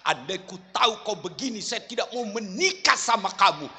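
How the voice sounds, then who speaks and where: A man voicing a nagging wife who scolds her husband over his low pay, in a sermon anecdote. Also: lively intonation, a little fast, bright, forceful tone, full character voice. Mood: scolding. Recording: reverberant hall.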